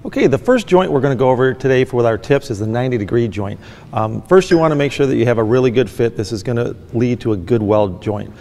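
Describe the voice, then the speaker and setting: A man's voice: mid-range voice, lively intonation, quick pace, darkish tone, long reverb tail. A middle-aged man from Michigan, a fab shop owner giving a plain, practical welding lesson, often saying "actually". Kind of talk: instructional demonstration. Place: large indoor workshop.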